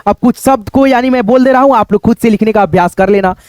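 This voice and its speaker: A young man teaching how to write words, drawing out each word slowly and often checking in with a quick question. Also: sits high, a little mellow, no room sound. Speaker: Hindi writing teacher. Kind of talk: step-by-step spelling lesson.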